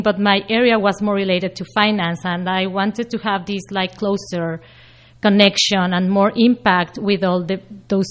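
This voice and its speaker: Earnest woman. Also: medium pitch. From Mexico. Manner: earnest, fluent with some hesitations. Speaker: guest, nonprofit founder. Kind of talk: interview answers. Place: radio studio.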